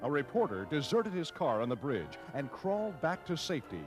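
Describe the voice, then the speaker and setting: A man's voice: on the high side, big pitch swings, a little fast. A man narrating an old newsreel in a dramatic, declamatory 1940s style. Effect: old newsreel soundtrack. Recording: old newsreel soundtrack with music behind. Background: music.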